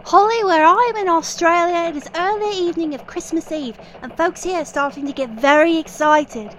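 High, eager elf reporter, a woman in the part, for a holiday radio news parody. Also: moderate pace, a bit bright, slight background noise, low-quality recording. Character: female elf field reporter, eager and proud. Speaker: field reporter.

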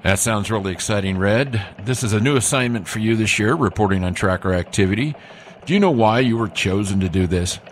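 A man plays a Christmas elf anchoring a mock radio newscast. The voice is low, earnest and formally polite. Faint noise sits behind it. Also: brisk, natural voice. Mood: curious, agreeable. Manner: formal newsreader courtesy. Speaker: news anchor.

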